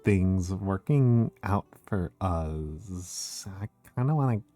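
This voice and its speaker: A man voicing a snooty teenage mean girl in a catty valley girl drawl with drawn-out words. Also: low-pitched, animated, dark tone, soft background music, pitched below the performer's own voice. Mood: bored, snooty.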